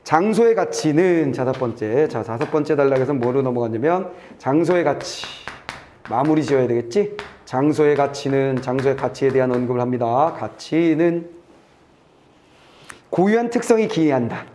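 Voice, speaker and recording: A male Korean exam-prep teacher walking students through a test passage, reading lines aloud and checking in with quick asides that trail off low. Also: lively intonation, dark tone, a little hiss or hum. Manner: brisk and chatty, reads aloud then checks "됐지?" and trails off low.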